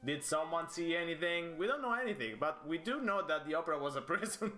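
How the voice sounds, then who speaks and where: A man's voice: on the high side, animated, quick pace, pushed and bright, faint music behind. A man giving casual let's play commentary, rambling through amused asides and repeating bits of what he hears. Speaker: game streamer.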